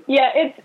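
A woman chatting casually and giggling over a video call whose connection keeps breaking up. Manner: giggly, loose and rambling. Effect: choppy, breaking-up video call connection. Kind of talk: casual chat. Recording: dull lo-fi video call audio.

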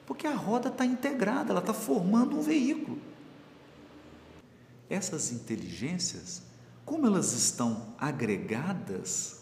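Man, Bible study teacher, animated, gravelly, echoey hall, faint room noise. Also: mid-range voice. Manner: explains with everyday examples and questions to listeners. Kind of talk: spiritual teaching talk.

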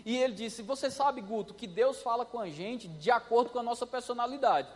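High pitched guy preaching, acts out every voice in the story, big hall reverb. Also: brisk. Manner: animated storytelling, acting out voices. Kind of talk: sermon.

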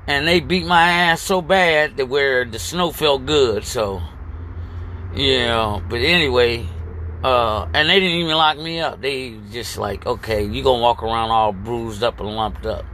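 A man's voice: medium pitch, a little slow, sharp tone, slight background noise. Profane, blunt man telling a story. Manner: blunt, profane street talk with many restarts. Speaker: storyteller recounting his past. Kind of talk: casual spoken memoir.

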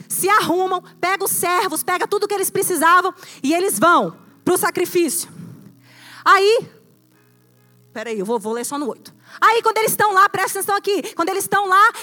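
A woman pastor preaches a lively sermon, speaking from Brazil. Her voice sits very high and rings bright and sharp, and she calls her listeners brother as she drives each point home. The service is held in a cinema. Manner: animated preaching, addressing the congregation as "irmão".

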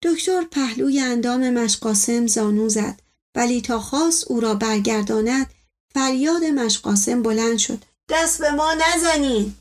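A woman's voice: fairly high pitch, darkish tone. A woman reading a novel aloud in scripted storytelling narration. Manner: storytelling, voicing all characters. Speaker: audiobook narrator.

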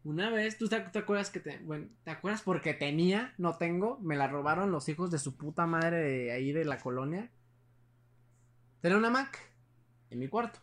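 A man's voice: fairly high pitch, animated, moderate pace, a bit bright. A young man with a Mexican Spanish accent, casually telling a ghost story in a rambling, slangy way with many restarts.

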